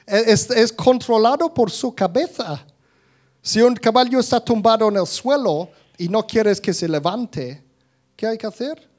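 A man's voice: high voice, slow, darkish tone. A man giving a casual talk to an audience. He speaks conversationally, with many restarts, and acts out little scenes.

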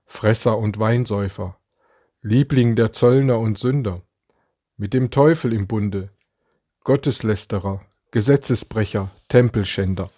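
A man reading an Advent devotion aloud as a preacher, slow and deliberate, giving quoted lines some drama. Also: fairly low pitch, dark tone, no room sound, studio quality.

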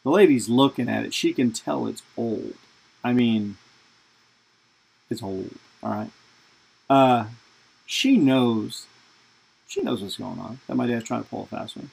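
A man's voice: medium pitch, lively intonation, unhurried, creaky, pauses often, darkish tone, breathy edge, low-quality recording. A man hosting a podcast, telling a funny personal story in a casual, rambling way. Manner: casual, rambling, lots of fillers. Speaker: podcast host. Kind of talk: storytelling monologue.

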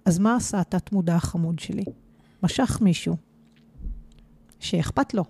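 Animated woman telling her story. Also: fairly low pitch, gravelly, breathy edge, no echo. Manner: animated, emphatic personal storytelling. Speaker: guest. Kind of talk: podcast interview storytelling.

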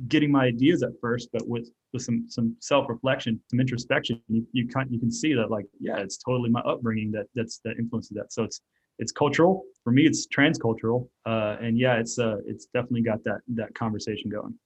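A man raised in Germany, German his native tongue, answers interview questions as an author and artist, rambling reflectively with lots of fillers and restarts. His mid-range voice is steady, slightly fast, with a breathy edge. It's casual interview talk, and the audio quality is poor.

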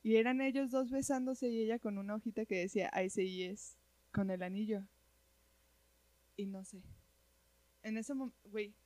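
A woman with a Mexican accent telling a personal story in casual chat, animated and slangy, peppering her talk with "güey". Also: mid-range voice, moderate pace, pauses often, no room sound.

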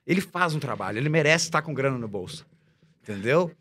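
A man, a musician guest in a casual chat, talking in an animated, slangy, emphatic way. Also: mid-range voice, fast talker.

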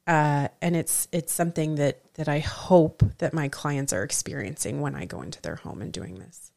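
A woman working as a veterinarian, speaking sincerely and deliberately with frequent restarts. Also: deep voice, vocal fry, a little mellow. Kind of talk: interview answers.

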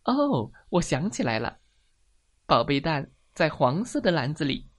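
A woman's voice: sits low, big pitch swings, a little slow, voice pushed up, full character voice. A woman voicing a forgetful, fussy mother hen who exclaims and frets in a storybook reading. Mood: relieved. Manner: flustered, exclaiming.

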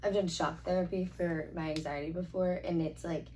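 A young woman talks in loose, rambling casual chat, filling every gap with "like" and dropping the odd swear word. Her voice sits a little low and reaches the mic from a short distance away, with a faint hiss of noise underneath. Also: steady tone, normal speed, mellow.

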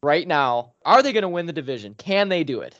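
A man's voice: a little high, big pitch swings, a little fast, fairly bright tone, no room sound. A man hosting a casual sports podcast, talking conversationally and upbeat in short emphatic bursts. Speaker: podcast host. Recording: slightly dull lo-fi mic sound.

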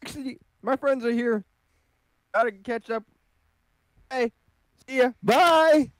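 A man's voice: very high voice, takes it slowly, no room sound, low-quality recording. A man voicing a cheerful, confident teenage girl who talks in a breezy, teasing way.

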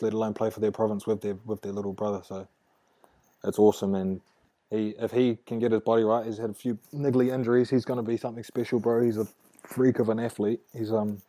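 Laid-back, mellow man with broad Kiwi accent. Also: on the low side. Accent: broad New Zealand. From New Zealand. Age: young adult. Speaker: interview guest, rugby player. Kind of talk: casual chat.

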